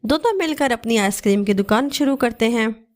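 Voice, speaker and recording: A woman narrating a children's cartoon story in a steady, scripted storytelling manner. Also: on the high side, normal speed.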